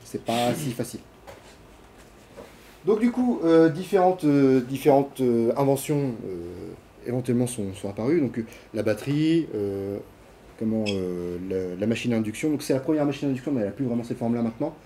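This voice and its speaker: A man lectures to a class in a relaxed, chatty way. He stops often with fillers and restarts, and he puts questions to the students. His voice is mellow, with faint noise behind it. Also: medium pitch, a little fast. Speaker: university lecturer. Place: lecture hall.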